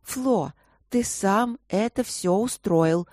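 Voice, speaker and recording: A woman voicing a caring middle-aged noble mother with a calm, practical way of talking. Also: medium pitch, slow, no room sound, studio quality, voice pushed up. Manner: soothing, practical.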